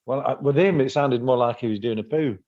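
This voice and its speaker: A man's voice: mid-range voice, fairly quick. A man co-hosting a podcast in casual chat, hesitant and rambling with lots of ums. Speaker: podcast co-host. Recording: slightly dull, muffled sound.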